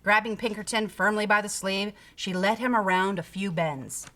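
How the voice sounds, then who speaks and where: A woman reading a children's picture book aloud, with theatrical, deliberate storytelling and dramatic emphasis. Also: mid-range voice, sharp tone. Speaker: storybook reader.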